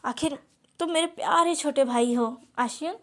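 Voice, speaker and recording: A woman's voice: sits high, moderate pace, a bit bright. A woman voicing an affectionate elder sister in a storybook reading. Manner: affectionate, fussing. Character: caring young woman, loving elder sister.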